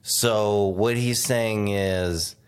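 A man's voice: fairly low pitch, fairly even intonation, very slow, clear, resonant tone. A man co-hosting a podcast in an empty room, chatting casually with slangy, salty informality. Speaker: podcast co-host. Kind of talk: casual chat. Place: empty room of a new store studio.

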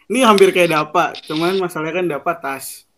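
Young man, high-pitched, relaxed slangy storyteller. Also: fairly quick, a crowd in the background. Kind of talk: casual storytelling chat.

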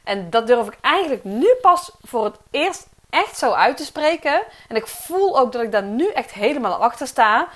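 A middle-aged woman speaks with a Dutch accent and a somewhat high voice. She talks through a personal podcast monologue as a coach. Her delivery is earnest and reflective, with hesitations and restarts. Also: very animated, normal speed. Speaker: podcast host and career coach.

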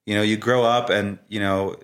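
A man answers as a guest in a conversation. His voice is a little on the low side. He talks casually and reflectively. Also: little pitch movement, normal speed, fairly bright tone. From Brooklyn, New York. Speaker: interview guest, entrepreneur.

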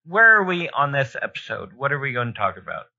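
A man's voice: mid-range voice, sing-song, brisk, vocal fry, sharp tone. A man hosting a podcast in a casual, conversational style. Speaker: podcast host. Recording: slightly dull, lo-fi podcast sound.

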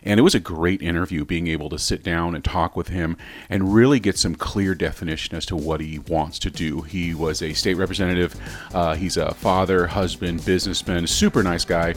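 Upbeat man, very low voice. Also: fairly even intonation, brisk, faint music behind. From Southern United States. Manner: upbeat, joking, self-promoting. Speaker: podcast host. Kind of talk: podcast interview.

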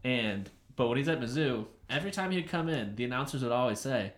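A man in his twenties, a podcast co-host telling a rambling, animated story in casual chat. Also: mid-range voice, fairly quick. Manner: rambling, animated, shouts out quoted lines. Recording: roomy echo.

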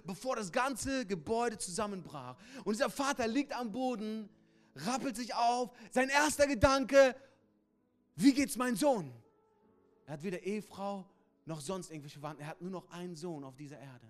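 A man preaching a sermon as a pastor, telling a story dramatically and dropping suddenly quiet before swelling loud again. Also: high-pitched, lively intonation, moderate pace.

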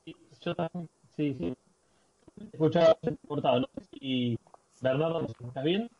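A man's voice: a little high, normal speed, dark tone. A man speaks in short check-in replies over an online call. His audio stutters and drops out as the connection buffers. The sound is dull and lo-fi, and it comes from some distance off the mic. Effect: choppy breaking-up call audio, buffering dropouts. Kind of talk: casual online chat.

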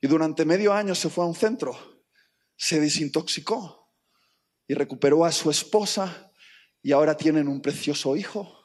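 A man preaching a sermon to his congregation, dramatic, acting out the people in his stories with sudden shifts between loud and soft. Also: moderate pace, pauses often, slightly rough, big-room sound. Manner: dramatic, acts out quoted people with big swings in pitch and volume. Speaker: pastor.

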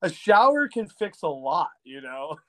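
A man's voice: fairly high pitch, sing-song, measured pace, bright, forceful tone. Laughing, self-mocking man telling stories. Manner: rambling with restarts and acted-out dialogue. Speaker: podcast guest, triathlete. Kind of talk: casual storytelling chat.

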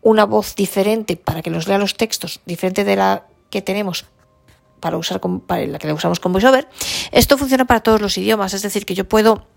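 A woman's voice: medium pitch, a little fast, gravelly. A woman giving a casual, chatty phone tutorial, thinking aloud as she explains. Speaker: tech instructor.

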